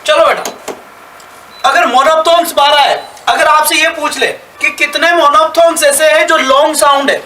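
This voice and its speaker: High, bright-voiced man teaching in an echoey room. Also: steady tone, moderate pace, slight background noise. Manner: repetitive, drilling questions and answering them himself; encouraging, praising students often. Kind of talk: live online class lecture. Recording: echoey room, mic at a distance.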